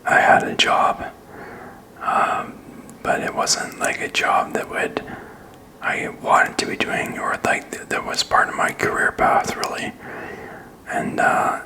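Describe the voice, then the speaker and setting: Man whispering slowly, halting ASMR ramble. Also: pushed and bright, rough recording. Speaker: ASMR video creator. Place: small quiet room indoors. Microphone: desk microphone with furry windscreen, very close.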